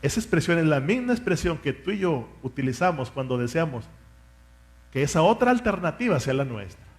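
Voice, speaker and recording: A man's voice: a little high, big pitch swings, fairly quick. A man, a pastor, preaching a sermon with fervent rhetorical questions and asking his congregation to repeat words after him.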